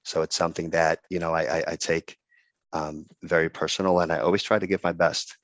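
A middle-aged man from the Dominican Republic, a guest in a casual interview, talking earnestly and haltingly with many pauses and restarts. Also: sits low, little pitch movement, a bit bright, dry recording.

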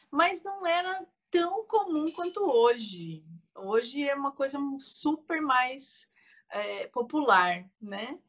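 A content creator in her forties from Curitiba, Brazil, chats informally as an interview guest, her southern Brazilian Portuguese accent clear. Her voice is a little high, bright and forceful.

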